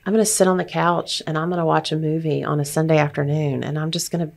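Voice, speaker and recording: A woman's voice: deep voice, steady tone, fast, gravelly. A woman talking as a grief counselor and podcast host, explaining things supportively in a conversational discussion.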